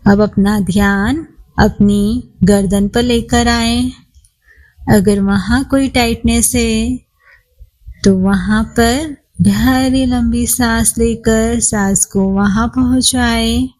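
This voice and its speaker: In this body scan meditation, a woman with a fairly high voice speaks at a very slow pace. She is calm and soothing, pausing at length as she guides the listener toward relaxation, and the audio quality is poor.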